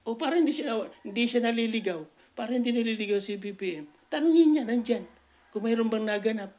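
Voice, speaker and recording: A man giving casual political commentary as a vlogger, animated and repetitive, his voice jumping up in pitch when he makes a point. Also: fast. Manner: animated, repetitive, keeps asking "di ba?"; rises sharply in pitch when making a point.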